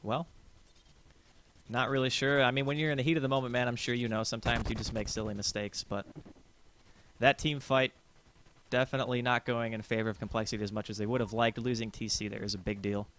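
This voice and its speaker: A man casting a video game match, talking fast and getting loud and high-pitched in the big fights. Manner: rapid, gets loud and high during team fights. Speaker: esports caster. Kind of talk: play-by-play commentary.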